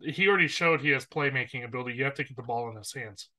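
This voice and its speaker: Very bright-voiced man giving football takes. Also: mid-range voice, very fast, poor audio. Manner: earnest and opinionated, quoting stats. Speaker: sports podcast co-host. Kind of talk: casual sports talk.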